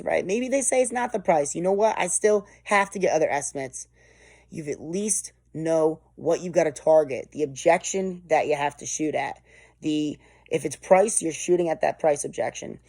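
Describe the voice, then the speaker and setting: Speaking at a moderate pace, this sales trainer has a low, warm voice touched with vocal fry, recorded with no echo. She pushes hard in an emphatic, motivational sales coaching lesson.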